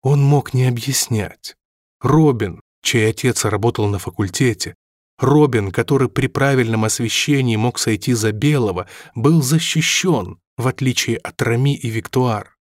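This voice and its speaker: A man narrating an audiobook in a measured, even reading. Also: medium pitch, no room sound, studio quality. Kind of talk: scripted narration.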